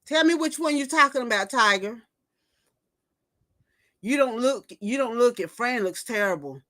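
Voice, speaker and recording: A woman's voice: on the high side, lively intonation, moderate pace, a bit bright. A woman in her fifties hosting a casual livestream, gossiping and reading viewer comments aloud before reacting to them. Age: 50s. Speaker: livestream host. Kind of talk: casual chat.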